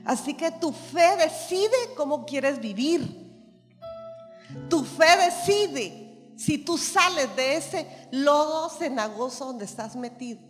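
High-voiced woman preaching slowly. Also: lively intonation. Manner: emphatic, repetitive preaching with calls of amen. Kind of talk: sermon. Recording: reverberant hall with faint music.

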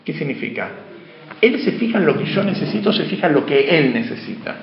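A man giving a spiritual lecture to a class, asking questions of his listeners and moving between emphatic and hushed speech. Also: a little high, big pitch swings, fairly quick, vocal fry. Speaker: teacher. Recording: dull, roomy lo-fi room sound.

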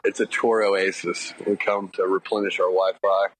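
A man's voice: low-pitched, level tone, moderate pace, slight background noise. A man who is a guest musician, laid-back and friendly, talking on a phone call from a café.

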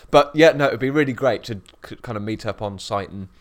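A man's voice: fairly low pitch, fairly quick. A British man co-hosting a podcast in casual chat, jokey and laughing often as he talks from an office. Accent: British English. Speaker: podcast co-host. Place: office at a bird of prey centre.

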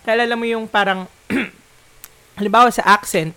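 A man's voice: high-pitched, steady tone, unhurried, pushed and bright, smooth. A man co-hosting a podcast, chatting casually and thinking aloud at length in a reflective way. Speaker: podcast co-host. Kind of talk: casual chat.

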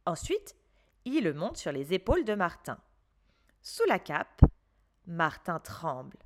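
A woman storyteller reading a children's story aloud, gentle and expressive. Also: fairly low pitch, slow pace.

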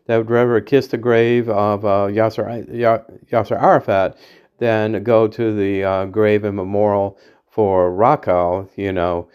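A man's voice: on the low side, darkish tone, highs cut off. A man giving a rambling, opinionated political monologue, hesitant and full of fillers and restarts. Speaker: political commentator.

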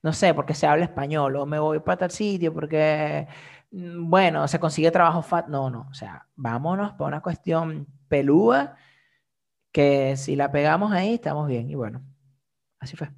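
A young man, a guest telling his story in a casual, slangy and animated way. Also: a little high, moderate pace, gravelly. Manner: animated, slangy, frequent filler "o sea". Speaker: interview guest, migrant living abroad.

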